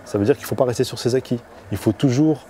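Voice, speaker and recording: A man who grew up in France, answering interview questions thoughtfully, pausing often with fillers. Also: medium pitch, mellow, slight background noise. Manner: hesitant, many fillers. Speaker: singer-songwriter guest.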